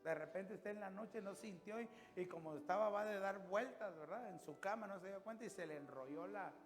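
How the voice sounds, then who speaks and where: A male pastor preaching a conversational sermon, telling stories with lively rises and drops. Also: high-pitched, fairly quick. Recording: long reverb with music behind. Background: music.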